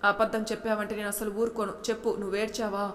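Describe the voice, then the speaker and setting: A firm, worried middle-aged husband, as a woman storyteller puts him on presses his wife with questions. Middle pitch, with a long reverb behind the voice. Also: flat delivery, fast, a bit bright, lightly acted. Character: concerned middle-aged husband and father, man.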